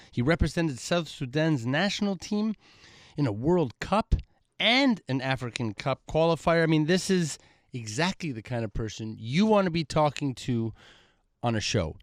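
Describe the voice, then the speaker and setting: A man hosting a football interview show in a studio, excitable and rambling as he introduces and questions his guest. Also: moderate pace, no echo. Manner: excitable, rambling introductions with big pitch swings. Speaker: podcast host. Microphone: studio microphone.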